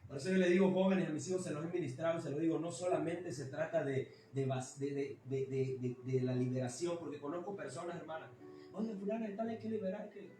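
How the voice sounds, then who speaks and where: A man preaching a fiery Pentecostal sermon, emphatic and repetitive, rising to sudden high stresses. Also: brisk, few pauses, mellow, a little hiss or hum. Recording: echoey church hall, mic far off. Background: worship music.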